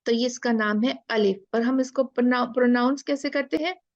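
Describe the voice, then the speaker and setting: A woman teaching Quran recitation in a live online class, slow and patient, stretching out letter sounds and mixing in English phrases. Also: fairly high pitch, no room sound, muffled recording. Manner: mixes Hindi-Urdu with English phrases.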